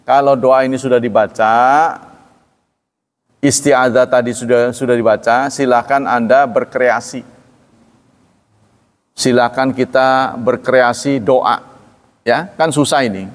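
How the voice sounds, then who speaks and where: A male Islamic teacher giving a hadith study lecture, folksy and fond of storytelling. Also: mid-range voice. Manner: folksy, storytelling with acted quotes. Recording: long hall reverb.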